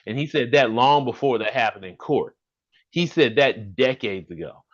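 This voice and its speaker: A Southern-accented man in his fifties from Alabama hosts a podcast over a video call, speaking earnestly, rambling a little and restarting sentences. His medium-pitched voice has lively intonation and a moderate pace, though the audio sounds dull.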